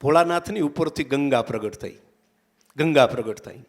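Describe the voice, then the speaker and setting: A man's voice: medium pitch, expressive, normal speed. A man telling a devotional story to a live audience, chanting verses and voicing the characters in turn. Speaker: religious storyteller and event emcee.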